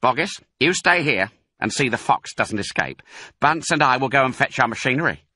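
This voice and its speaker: A man's voice: medium pitch, expressive, moderate pace, bright, forceful tone, a little hiss or hum, pitched above the performer's own voice. A man voicing a thin, filthy, deaf farmer in a storybook, mean and bossy, barking commands.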